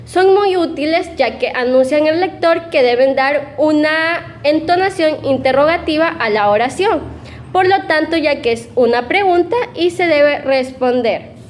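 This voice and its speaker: A woman's voice: sits high, slight background noise. A young woman giving a class presentation, explaining step by step with fillers and self-corrections. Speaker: student presenter.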